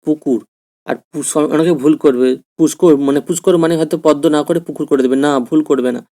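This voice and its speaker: A man's voice: a little high, fairly even intonation, quick pace, mellow. A man teaching an exam-prep grammar lesson, patient and repetitive, talking straight to his students and checking they follow. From West Bengal, India.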